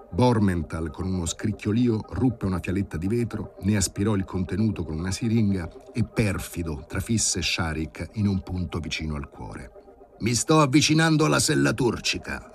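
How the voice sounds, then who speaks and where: A man reading a novel aloud in a measured, vivid storytelling manner. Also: sits low, darkish tone, slight background noise. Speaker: audiobook reader. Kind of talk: dramatic literary reading.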